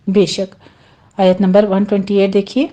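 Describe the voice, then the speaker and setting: A woman's voice: medium pitch, completely flat delivery, warm tone. A woman teaching Quran recitation rules step by step, patiently explaining each sound and modelling the correct pronunciation. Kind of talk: tajweed lesson.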